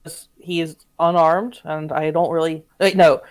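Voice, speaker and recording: A player at a live tabletop game, talking through each move out loud. The speech is hesitant and halting, full of fillers as each choice gets worked out. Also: mid-range voice, flat delivery. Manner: hesitant, thinking aloud with many fillers. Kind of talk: casual game play talk.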